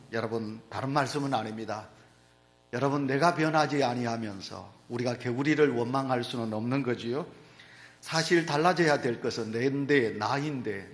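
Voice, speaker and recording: A male pastor preaching a sermon in a church, telling a story and speaking straight to the congregation. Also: mid-range voice. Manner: storytelling, addresses the congregation directly. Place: church sanctuary.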